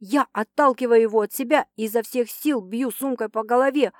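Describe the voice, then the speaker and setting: A woman's voice: a little high, a little fast, dry recording, studio quality. A woman reading a first-person audiobook with dramatic, tense storytelling. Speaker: audiobook narrator.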